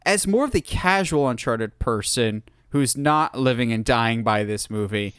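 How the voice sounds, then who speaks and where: A man's voice: medium pitch, expressive, unhurried, fairly bright tone, clean tone, dry recording, studio quality. A man hosting a podcast, talking in an enthusiastic, opinionated way in casual chat. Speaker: podcast host.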